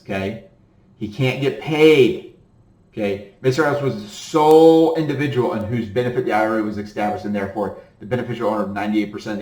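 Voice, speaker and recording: A man's voice: on the low side, echoey room, rough recording. A male attorney casually teaching retirement-account law, reading passages from a court ruling aloud and breaking off to explain them, with frequent "okay?" checks and a slightly tired voice. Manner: reads legal text then breaks off to explain, with frequent "okay?". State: voice tiring.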